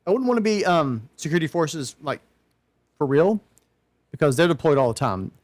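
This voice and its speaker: A man's voice: fairly high pitch, sing-song, normal speed, dry recording. A man chatting casually with a dry, teasing sense of humor. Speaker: US Air Force veteran. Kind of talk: casual chat.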